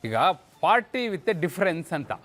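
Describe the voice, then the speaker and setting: A man with a notably high voice talks through political news in a conversational way. He tells it like a story and keeps throwing rhetorical questions at his co-host. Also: big pitch swings, slow pace, fairly bright tone.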